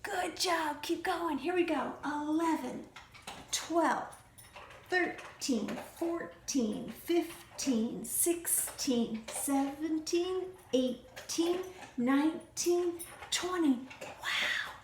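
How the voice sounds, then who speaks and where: Slow, high-voiced woman teaching little kids. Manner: slow, sing-song, encouraging teacher talk. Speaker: preschool teacher. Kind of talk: remote class for young children. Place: at home. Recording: echoey room with faint noise.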